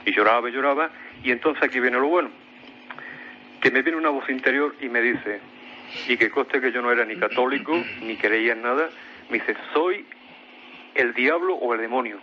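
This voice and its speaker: This is a radio mystery show guest, a man from Spain with a matching accent, relating a paranormal encounter from his own life. His medium-pitched voice is fairly quick, and he often falters and repeats words. The recording has its highs cut off and slight background noise.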